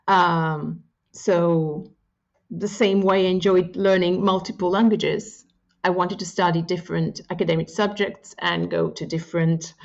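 Muffled audio captures a thoughtful Greek-born woman, Greek being her native tongue, offering reflective answers as an interview guest. Her lowish voice has vocal fry, and she pauses frequently and uses fillers.

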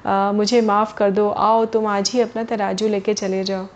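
A woman's voice: mid-range voice, level tone, a little slow, lightly acted. A woman voicing a greedy, scheming middle-aged village shopkeeper in a storybook tale for children. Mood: apologetic. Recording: dull lo-fi recording.

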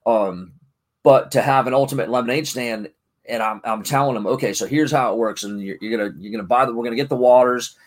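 A middle-aged man talks casually to the camera, rambling and restarting his sentences often. He retells things with excitement. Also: medium pitch, quick pace. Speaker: vlogger and parent. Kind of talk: casual talking-to-camera vlog.

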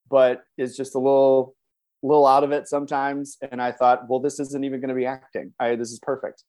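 An American man from suburban Chicago chats casually as an interview guest, chuckling and self-deprecating. His voice sits at medium pitch with a slightly mellow quality.

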